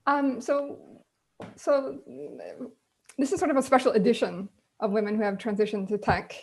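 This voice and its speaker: A woman's voice: on the high side, steady tone, normal speed, vocal fry, a little mellow. A woman hosting a casual online panel on a video call, talking loosely and filling gaps with ums. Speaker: host.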